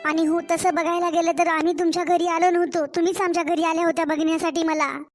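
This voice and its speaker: A woman's voice: very high voice, level tone, quick pace, soft background music. A woman voicing a young, mistreated daughter-in-law in a cartoon story, pleading. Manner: pleading, complaining.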